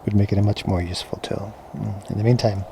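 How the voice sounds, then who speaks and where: He talks fast with vocal fry and little pitch movement, thinking aloud in a casual, hesitant review of some gear. A small on-camera shotgun microphone, routed via a recorder into the camera, picks him up along with noise and a low rumble.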